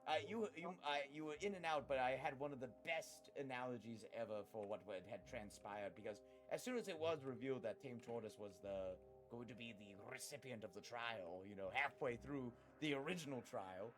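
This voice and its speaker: A man's voice: mid-range voice, brisk, hardly any pauses, faint music behind. A man hosting a live stream, chatting casually and rambling through mock-grand stories with friends. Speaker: streamer host.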